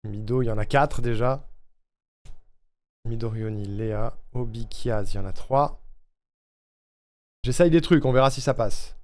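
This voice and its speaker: A man streaming live, chatting casually and haltingly, thinking out loud with plenty of hesitations. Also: medium pitch. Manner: halting, thinking aloud, lots of fillers.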